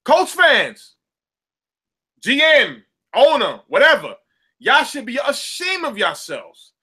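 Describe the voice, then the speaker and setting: On a casual sports podcast, a Southern-accented co-host rants in a very high, pushed, bright, husky voice whose pitch swoops wildly. He takes it slowly, repeating words as he builds momentum.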